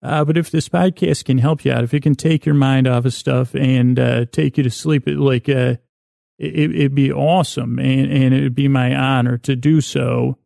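This sleep podcast host has a creaky, mid-range voice with a steady, mellow tone and a moderate pace. His bedtime monologue wanders, hesitates and self-corrects, meant to soothe and lull. The studio sound is clean and dry.

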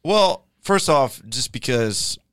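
A man's voice: mid-range voice, animated, slow pace, fairly bright tone, dry recording, studio quality. A middle-aged man hosting a casual podcast chat, joking and rambling, with a habit of telling puns.

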